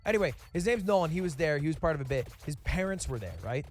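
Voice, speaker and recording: A man's voice: fairly high pitch, lively intonation, fast. Rambling male storyteller over faint music. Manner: rambling storyteller, acts out quotes. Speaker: guest telling an anecdote. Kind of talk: casual group chat.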